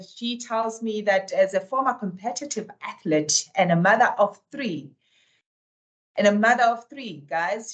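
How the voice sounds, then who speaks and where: A woman's voice: medium pitch, poor audio. Hesitant woman moderating a video panel. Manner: warm, hesitant, with many fillers. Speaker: event moderator. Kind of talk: hosting a virtual roundtable. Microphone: video call.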